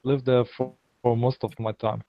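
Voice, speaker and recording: On a casual online group video chat, a German man talks hesitantly, often repeating words as he hunts for the English. His medium-pitched voice is flat, moderately paced, and fried, in a dry recording with the highs cut off.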